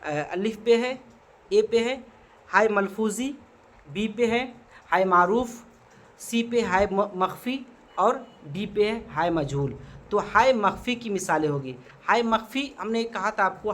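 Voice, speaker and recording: A man's voice: high voice, lively intonation, unhurried, fairly bright tone. A male teacher going through exam multiple-choice grammar questions, asking questions and answering them himself, checking in with the class often. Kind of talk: exam prep grammar lesson.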